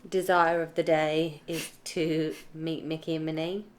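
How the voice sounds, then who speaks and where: A woman's voice: low voice, flat delivery, unhurried. A woman co-hosting a travel vlog, chatting playfully and giggling at night in a room. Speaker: vlogger co-host. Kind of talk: casual chat.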